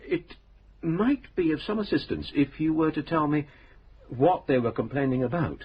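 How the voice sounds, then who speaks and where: An actor playing a dry, patient police inspector in a radio drama, wry and polite. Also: male voice, on the high side, moderate pace, breathy edge. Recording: dull old radio broadcast with faint hiss.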